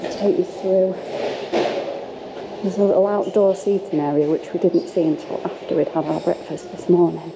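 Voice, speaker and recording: A woman in middle age with a lowish voice walks the camera through a half-outdoor hotel lobby and garden. Her talk is chatty and lively, pointing things out as she goes. Loud ambient noise runs under her voice. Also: normal speed. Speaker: travel vlogger. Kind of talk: casual walking tour commentary.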